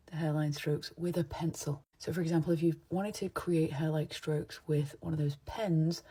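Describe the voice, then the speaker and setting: A woman from England with a partly Americanized English accent, chatting and rambling into her phone at home while doing her makeup, sometimes dropping into soft asides. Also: sits low, husky. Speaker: makeup vlogger. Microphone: phone camera.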